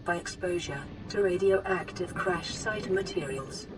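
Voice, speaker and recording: A woman voicing a calm, gentle female care computer AI in a game, giving even, clinical status reports over loud music. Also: on the low side, unhurried, lightly acted, rough recording. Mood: calm reporting.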